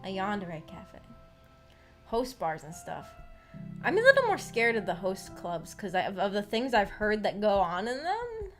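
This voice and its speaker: Over background music, a woman VTuber running a visual novel book club rambles through casual livestream chat, giggling, hesitating, and repeating herself. She talks at normal speed in a mid-range voice whose pitch swoops wildly.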